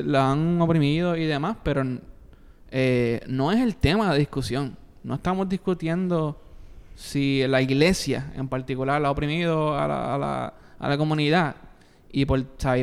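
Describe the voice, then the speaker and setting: A man's voice: a little high, gravelly, clear, resonant tone. A man with a Puerto Rican accent debating informally and insistently, often repeating his points. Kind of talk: heated informal debate, Spanish mixed with English. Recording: echoey hall-like reverb.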